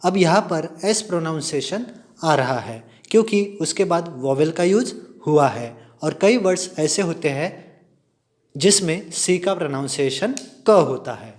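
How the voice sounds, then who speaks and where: A male polytechnic English lecturer with an Indian accent. He reads spelling rules out slowly in English and then explains them quickly in Hindi. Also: a little high, lively intonation, a little mellow. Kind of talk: recorded classroom lecture.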